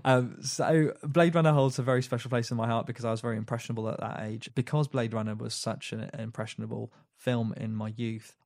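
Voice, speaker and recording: A man's voice: mid-range voice, steady tone, a little fast, vocal fry, few pauses, a little mellow, dry recording, clean studio sound. A man hosting a casual film podcast, chatty, with frequent fillers and restarts. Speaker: podcast host.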